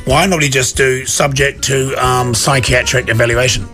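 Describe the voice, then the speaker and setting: A man with a New Zealand accent doing rambling, deadpan comic banter as a casual radio host. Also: mid-range voice, fairly quick, over music.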